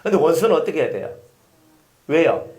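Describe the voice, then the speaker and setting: Fairly high in pitch and fairly quick, a male pastor brings his sermon alive through stories. He animates the scenes, performing them with voices, while the hall echoes around him.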